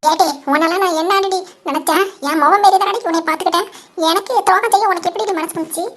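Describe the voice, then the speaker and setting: A woman's voice: very high voice, fast, slight background noise. A woman voicing a suspicious, scolding old mother-in-law in a cartoon, nagging and accusing. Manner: nagging, accusing, calls others "adi". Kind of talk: cartoon voice acting.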